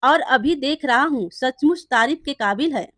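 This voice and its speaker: A woman's voice: high-pitched, animated, moderate pace, fairly bright tone, no room sound, studio quality. A woman voicing a chatty, gossipy male customer in a village storybook tale. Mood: admiring.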